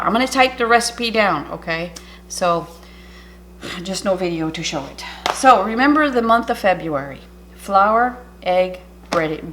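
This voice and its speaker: A French-speaking woman, a cooking YouTuber, chats and rambles through an air-fryer demo in her home kitchen, often interrupting herself. Her voice is on the low side and creaky yet fairly bright, with a little hiss or hum in the background.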